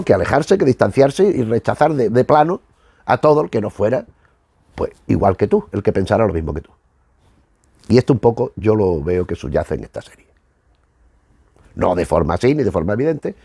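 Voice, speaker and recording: In studio quality with no echo, a middle-aged host from Spain talks through his retro television review show in an informal, meandering way, repeatedly correcting himself and repeating lines for emphasis. His voice is mid-range, darkish, and has vocal fry.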